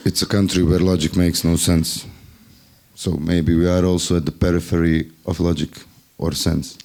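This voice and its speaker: A workshop participant at a festival, a man from Bosnia and Herzegovina, makes spontaneous remarks in a group discussion. His voice is low and mellow with a Bosnian accent, delivered flatly at a moderate pace. He's wry and ironic, pausing now and then to search for the right word.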